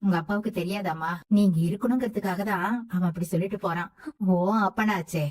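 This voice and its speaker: A woman's voice: fairly low pitch, brisk, darkish tone, close to an everyday voice. An actress playing an older grandmother and family elder in a television drama, speaking in a soothing, coaxing way.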